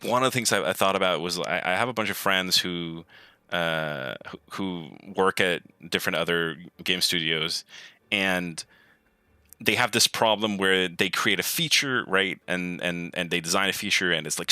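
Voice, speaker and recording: Bright-toned, deep-voiced enthusiastic man. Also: clear, resonant tone, no echo. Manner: enthusiastic, many restarts and repeated words. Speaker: lead gameplay programmer, guest. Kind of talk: casual interview talk.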